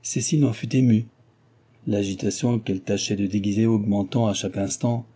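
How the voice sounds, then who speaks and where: A man narrating a classic novel as an audiobook, in a measured, even storytelling manner. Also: lowish voice, breathy edge. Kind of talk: literary audiobook reading.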